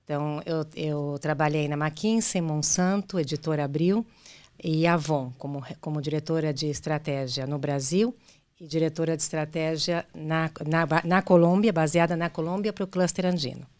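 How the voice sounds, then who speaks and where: A woman's voice: sits low, fairly even intonation, normal speed, darkish tone. A middle-aged Brazilian woman being interviewed about her career. She speaks thoughtfully, often restarting her phrases and tagging them with "né?". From Brazil, daughter of Argentine parents. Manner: thoughtful, with frequent restarts and "né?" tags. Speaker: guest, business executive. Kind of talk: conversational interview answers.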